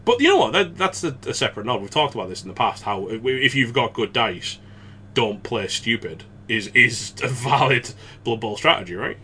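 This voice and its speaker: A man co-hosting a casual gaming podcast, chatty and rambling, quick to laugh. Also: mid-range voice, sing-song, sharp tone, slight background noise. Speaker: podcast co-host.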